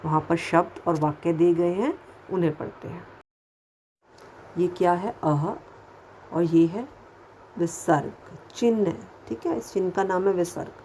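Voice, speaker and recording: Slow, patient woman teaching children. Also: lowish voice, dark tone, slight background noise, poor audio. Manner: patient, slow, repeats sounds and asks questions. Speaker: Hindi teacher. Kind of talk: first-grade Hindi lesson.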